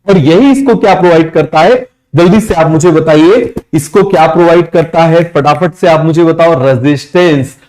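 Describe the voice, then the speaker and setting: Hindi-speaking man teaching biology live, a little high. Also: darkish tone. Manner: quizzing, repeats questions and answers them himself; mixes English terms into Hindi, drawn out slowly. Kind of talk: live online exam-prep lecture. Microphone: streaming microphone.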